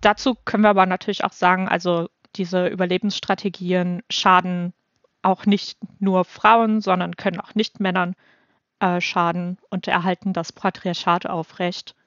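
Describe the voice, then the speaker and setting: A woman of twenty-eight from North Rhine-Westphalia, co-hosting a podcast and explaining things in a measured way. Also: fairly low pitch, flat delivery, a bit bright, no echo, lo-fi sound. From North Rhine-Westphalia, Germany. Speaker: podcast co-host. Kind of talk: scripted podcast discussion.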